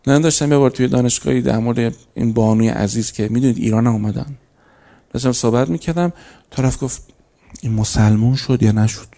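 A man in a lecture hall talks to a live audience about faith and character, lecturing on religious ethics in a mellow, dark, slightly gravelly mid-range voice. He tells small stories in a relaxed, conversational way, occasionally lifting into forceful, emphatic bursts.

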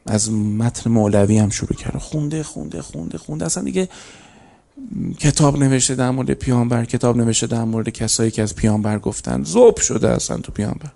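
Speaking with few pauses, a man lectures a live audience in a lecture hall on faith, character, and religious ethics. His mid-range voice is mellow and dark with some gravel, and his casual, story-filled talk occasionally surges into sharp emphasis.

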